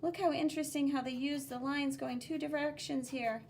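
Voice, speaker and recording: She's a teacher reading aloud from a picture book for children, explaining the pictures in an easy, instructive, expressive style with a sing-song lift on key words. The voice is high-pitched at a moderate pace, with slight noise in the background.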